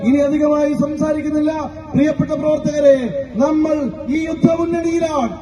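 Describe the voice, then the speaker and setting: A man's voice: very high-pitched, flat delivery, moderate pace. A man giving a fiery, declamatory election rally speech outdoors. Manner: shouting slogans, declamatory. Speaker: political campaign speaker. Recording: crowd noise, noisy rally.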